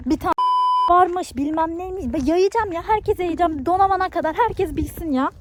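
A woman's voice: extremely high pitch, moderate pace, voice pushed up. A woman playing an exasperated young wife who vlogs and scolds her husband in a comedy sketch. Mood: ranting.

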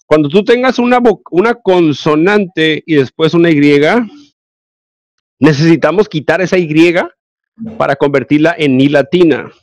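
A man's voice: a little high, measured pace, a little mellow, dry recording, muffled recording. A male English teacher with a Mexican Spanish accent, giving an online class and explaining grammar step by step with frequent check-ins.

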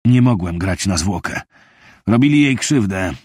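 A man's voice: sits low, animated, unhurried, a little mellow, husky, no echo, studio quality, full character voice. A male audiobook narrator voicing a tense, wealthy former soldier with clipped, strained replies. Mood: terse. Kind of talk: audiobook character reading.

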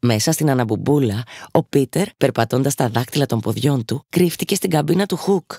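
A woman narrating a children's storybook with an expressive storytelling lilt, in a studio. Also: a bass voice, breathy edge, dry recording. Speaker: audiobook narrator.

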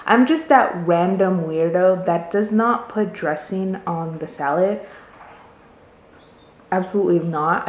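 A woman's voice: fairly low pitch, echoey room, slight background noise. A young adult woman vlogging, telling a story in casual, rambling chat full of "like" fillers. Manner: chatty, rambling, many "like" fillers.

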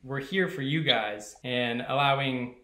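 A man's voice: mid-range voice, unhurried, a bit bright. Upbeat male host in an echoey room. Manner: upbeat, laughs often. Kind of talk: casual video call interview. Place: room at home. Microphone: video call webcam. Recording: echoey room over video call.

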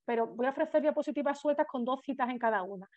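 A woman's voice: high voice, quick pace, darkish tone, no echo. Woman giving a hesitant academic lecture. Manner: frequent hesitant fillers. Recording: dull dry recording.

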